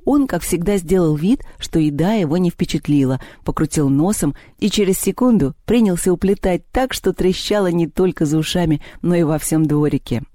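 An audiobook narrator reading a children's story in a calm, even storytelling manner. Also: medium pitch, moderate pace, hardly any pauses, dry recording, clean studio sound. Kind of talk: scripted narration.

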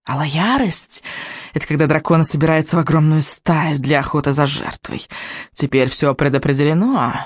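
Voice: medium pitch, moderate pace, no echo, clean studio sound, natural voice. A reader putting on a crackling spiteful old witch. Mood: ominous. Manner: hissing, theatrical. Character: old lying castle witch, spiteful and gloating. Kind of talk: audiobook reading.

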